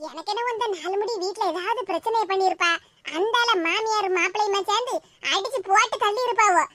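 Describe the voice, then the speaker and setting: A woman with a Tirunelveli Tamil accent voicing a dramatic, aggrieved village housewife in a cartoon, with sped-up, high voice. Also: fast, a bit bright. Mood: gossiping. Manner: wailing, self-pitying complaints mixed with gossip. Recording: noisy with clicks.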